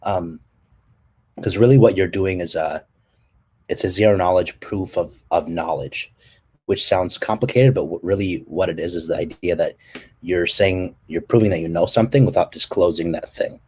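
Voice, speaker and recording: A man presenting his company's standards work and answering questions, speaking haltingly with many fillers and restarts. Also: deep voice, darkish tone, slightly rough. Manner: halting, many ums and restarts, coughs between phrases. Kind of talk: technical presentation and Q&A.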